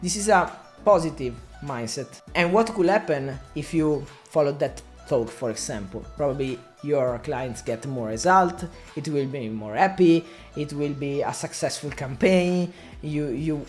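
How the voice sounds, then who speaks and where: An Italian man, a native Italian speaker, talks casually to camera in non-native English with an Italian accent, often stopping and restarting as he explains his job as a digital marketing media buyer. His voice is on the high side and unhurried, with soft background music.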